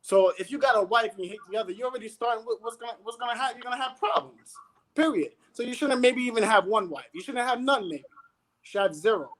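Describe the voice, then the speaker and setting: The recording is rough as a lively man talks fast on a casual panel, preaching in street slang. He checks in constantly with "you know what I'm saying," his voice pitched high for a man.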